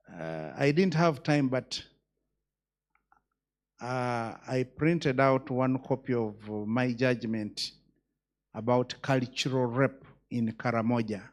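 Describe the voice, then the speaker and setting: A man's voice: mid-range voice, a little mellow. A man, a judge giving a speech at a conference, emphatic and full of rhetorical questions.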